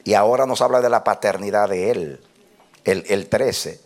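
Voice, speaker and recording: A man preaching a sermon to a congregation, swinging from loud shouts down to hushed whispers. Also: on the low side, normal speed. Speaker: pastor. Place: church.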